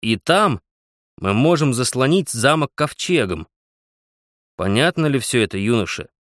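A man's voice: mid-range voice, sing-song, measured pace, fairly bright tone, no room sound, clean studio sound. A man voicing a shrewd, cautious old trapper who explains his plans at length in an audiobook. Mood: lecturing.

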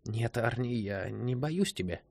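A man doing a husky purring young secretary. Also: medium pitch, lively intonation, unhurried, a little mellow, no echo.

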